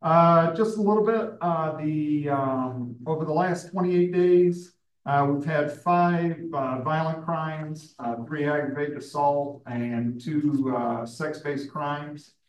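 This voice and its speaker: A man, a police lieutenant, giving a crime report at a public meeting in a halting way full of fillers. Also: a little high, fairly even intonation. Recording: roomy, distant from the mic.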